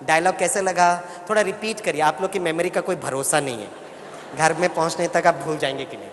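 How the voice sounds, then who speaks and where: A man's voice: on the high side, brisk, fairly bright tone. A man giving a motivational spiritual talk to a live audience, telling stories and getting listeners to repeat lines after him. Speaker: spiritual speaker. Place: large hall with audience. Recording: echoey hall, faint background noise.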